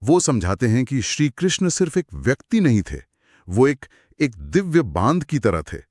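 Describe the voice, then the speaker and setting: A man co-hosting a conversational retelling of scripture, narrating with expressive, dramatic pauses. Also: mid-range voice, no room sound, studio quality. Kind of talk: conversational storytelling discussion.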